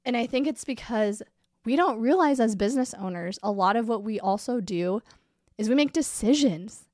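A woman business coach hosts her own podcast, talking casually and candidly in an upbeat, conversational solo style while congested from a cold. Her voice is on the high side, animated and a little mellow, at a moderate pace. The sound is studio quality with no echo.

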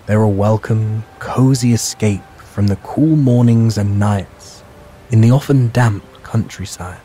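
Calm guy doing a bedtime sleep story, really soft mellow tone, slow and measured, bit of ambience behind. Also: fairly low pitch, a little hiss or hum. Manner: calm, measured, hushed guiding delivery.

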